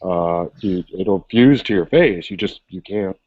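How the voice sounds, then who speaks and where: A man playing a gentle but firm schoolteacher in improv comedy, awkward and coaxing. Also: low voice, measured pace, no room sound, highs cut off.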